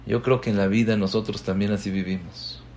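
A man giving a spoken sermon as a rabbi, telling stories with soft asides and emphatic acted-out lines. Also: fairly low pitch, fairly even intonation, fairly quick.

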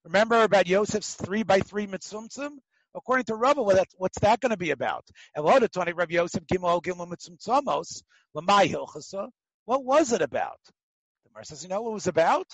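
A man teaching a religious text class in a lively conversational way, posing questions and answering them himself, repeating phrases for emphasis. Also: sits high, brisk, no echo, lo-fi sound.

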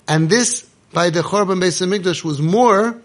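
Higher-voiced man teaching Torah emphatically. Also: moderate pace. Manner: emphatic, repeating and rephrasing for effect. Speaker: rabbi giving a religious teaching. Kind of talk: Torah lecture, reading Hebrew text aloud and explaining it.

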